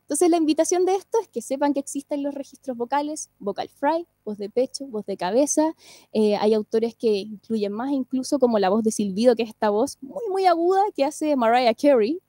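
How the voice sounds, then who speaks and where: A woman with a high, soft-toned voice lectures on singing and vocal care. She explains patiently and keeps checking in with her listeners. The sound is close and dry, with no room around it. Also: animated, fairly quick, no room sound. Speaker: singing teacher and speech therapist. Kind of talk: online lecture.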